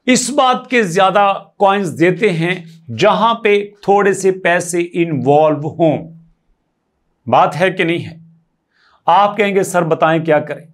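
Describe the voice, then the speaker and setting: A man talks viewers through a screen tutorial in a voice-over. He tallies numbers step by step, repeats his points and keeps urging them to listen closely. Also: high-pitched. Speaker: crypto tutorial YouTuber.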